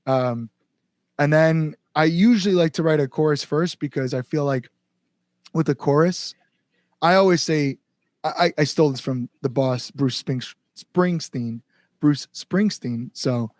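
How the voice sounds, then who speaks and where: This guest musician has a slightly high, darkish voice captured without any room echo. On a laid-back podcast, he meanders from story to story, leaning on "like" a lot and playing out his own inner asides.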